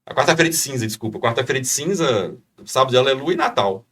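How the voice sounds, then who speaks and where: A man's voice: mid-range voice, animated, fast talker, a bit bright, husky, distant mic. Fervent Brazilian man, a bit off-mic. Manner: fervent, preacher-like, many "né?" tags. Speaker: podcast guest.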